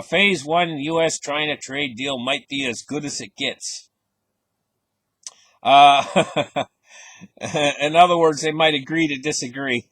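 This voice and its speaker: A man's voice: mid-range voice, a bit bright, no room sound. A man giving casual market commentary, reading out headlines and stressing words with a skeptical, offhand manner. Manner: casual grammar, frequent fillers.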